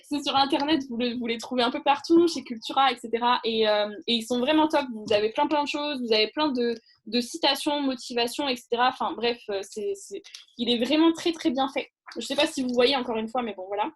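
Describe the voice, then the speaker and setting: A woman's voice: a little high, brisk. A woman giving a casual live online training over a video call, chatty and rambling, with many fillers and restarts.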